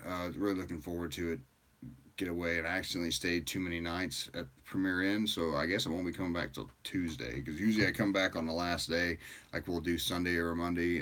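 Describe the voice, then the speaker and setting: A tired man hosting a livestream, chatting casually with viewers in a rambling, relaxed way. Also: low voice. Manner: rambling and relaxed, with frequent fillers and laughs. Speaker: livestream host.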